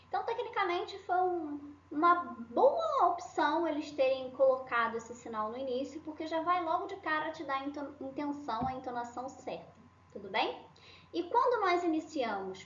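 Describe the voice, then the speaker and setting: A woman's voice: high voice, a bit bright. A woman teacher giving a language lesson, checking in with short tag questions and patiently repeating and rephrasing each point. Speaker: Spanish teacher. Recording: roomy, slightly dull sound.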